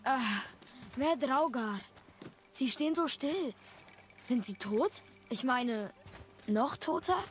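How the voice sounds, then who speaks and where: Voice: high-pitched, lively intonation, slow, long pauses. A performer playing an eager, impulsive young boy adventurer in a video game. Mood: curious, uneasy. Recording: loud game noise over voice.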